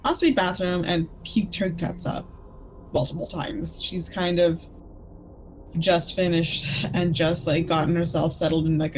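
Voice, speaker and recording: Player: woman, lowish voice, quiet and subdued, faint hiss. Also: poor audio. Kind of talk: in-character tabletop play.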